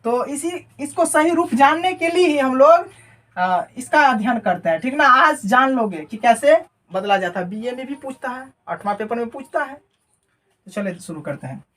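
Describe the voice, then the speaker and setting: Writing on and erasing a board, a woman teaching English gives a classroom lesson on phonetics. Her voice sits high and sounds animated and fairly bright at a moderate pace, and she keeps repeating key words, asking questions she answers herself, and tagging on "right?"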